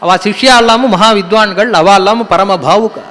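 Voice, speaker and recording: A man's voice: high voice, normal speed, fairly bright tone, long reverb tail, rough recording. A man telling devotional stories in a discourse, acting out dialogue and now and then singing lines. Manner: acts out dialogue, breaks into sung lines. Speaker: religious discourse speaker.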